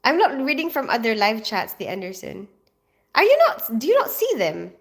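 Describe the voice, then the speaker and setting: A woman's voice: a little high, wildly swooping pitch, moderate pace, gravelly. Chatty woman livestreaming, laughing often. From Philippines. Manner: chatty, laughs often, reads comments aloud. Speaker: livestream host. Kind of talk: casual live chat reading comments.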